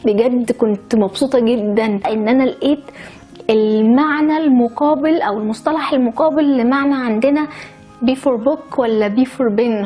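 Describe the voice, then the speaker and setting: A woman's voice: high voice, warm tone. Cheerful Egyptian woman teaching letters. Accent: Egyptian Arabic. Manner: cheerful, enthusiastic, explains step by step. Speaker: language teacher. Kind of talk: handwriting lesson with chatty asides.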